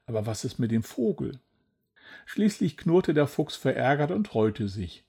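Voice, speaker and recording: Warm, husky storybook narrator. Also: male voice, mid-range voice.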